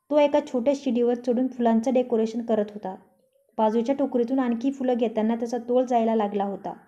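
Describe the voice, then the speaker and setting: A woman narrating a story aloud in a steady, even reading voice. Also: on the high side. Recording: dull lo-fi recording.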